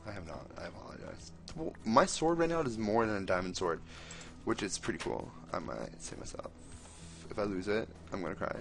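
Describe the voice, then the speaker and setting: Young male gameplay commentator, excitable and chatty, lowish pitch, faint background music. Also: brisk, vocal fry. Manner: excitable, keeps exclaiming and talking to the game characters.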